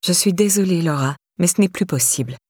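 A woman's voice: on the low side, brisk, a little mellow, breathy edge, no echo, studio quality. A woman voicing a stern female laundry boss who scolds in a curt, exasperated way.

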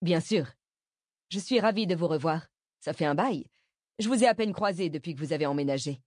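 A woman's voice: sits low, expressive, brisk, a little mellow, no echo, studio quality. A woman voicing a polite cheerful father. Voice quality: courteous, cheerful.

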